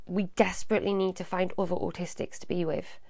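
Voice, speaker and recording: Gentle reassuring woman, dry close sound. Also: on the low side, little pitch movement, fast talker, creaky, dry recording. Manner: gentle, reassuring, speaks directly to the viewer with frequent "yeah?" check-ins. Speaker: host of a live advice show. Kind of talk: live-streamed advice talk to viewers.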